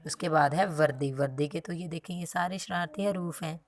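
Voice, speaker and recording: A low-pitched woman from Pakistan leads a recorded kindergarten Urdu reading lesson. She blends letters into words in a slow, sing-song chant. She keeps asking the class questions and then gives the answers herself.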